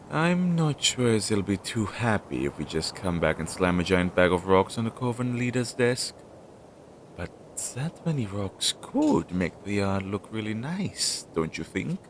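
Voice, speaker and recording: In a scripted audio roleplay addressed to the listener, a man voices an anxious demon familiar disguised as a crow, devoted to his master and playfully indignant. He speaks slowly in a fairly low voice, hesitant yet chatty, with sighs and trailing asides. The rough home recording carries clear background noise throughout.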